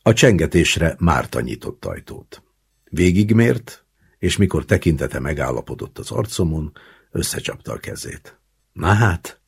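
A man reading a literary short story aloud in the first person, acting out the dialogue in a lively way. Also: extremely low pitch, creaky, husky. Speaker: audiobook narrator.

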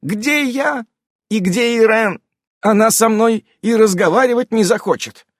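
A man's voice: high voice, a little slow, no echo, clean studio sound, pitched above the performer's own voice. A man voicing a fawning, guilty young female fox werewolf witch who whines and ingratiates herself, in a read-aloud story. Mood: gossipy. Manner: whining, ingratiating.

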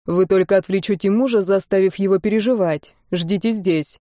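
A woman voicing a protective male mage companion who speaks quietly and firmly, in a commanding manner. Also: mid-range voice, moderate pace, dry recording, clean studio sound, natural voice.

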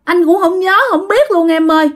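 A woman's voice: very high-pitched, steady tone, normal speed, pitched above the performer's own voice. A woman voicing a restless young male ghost who possesses a girl, rude and scornful at first, then pleading. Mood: mournful.

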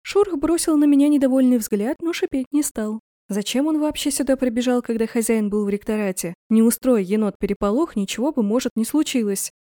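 A woman's voice: a little high, a little fast, few pauses, mellow, no room sound, studio quality. A young woman reading a first-person fantasy novel aloud, with wry sarcastic asides. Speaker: audiobook narrator. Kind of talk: first-person audiobook narration.

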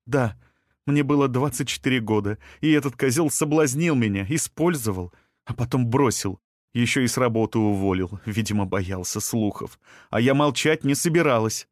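A man voicing a shrill, defensive young woman. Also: normal speed, no room sound, clean studio sound, lightly acted. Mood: resentful. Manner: shrill and indignant.

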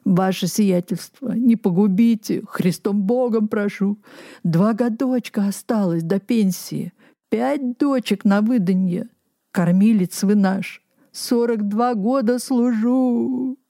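A woman's voice: mid-range voice, animated, unhurried, dark tone, dry recording, clean studio sound. Brief: woman reader playing a groveling scheming clerk, fussy and wheedling. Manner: fussy, ingratiating. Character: fawning, scheming aging male official.

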